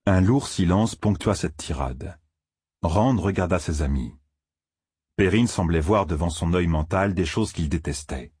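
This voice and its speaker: A man narrates an audiobook in a steady, measured way. His voice sits very low and husky, recorded dry and close. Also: dry recording.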